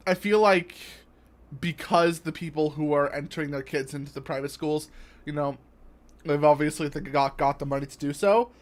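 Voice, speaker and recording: A young man co-hosting a podcast, talking with heated, emphatic conviction and swearing freely. His voice sits a little high for a man. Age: young adult. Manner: emphatic, swears freely, quick to get worked up. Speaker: podcast co-host. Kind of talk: casual podcast chat.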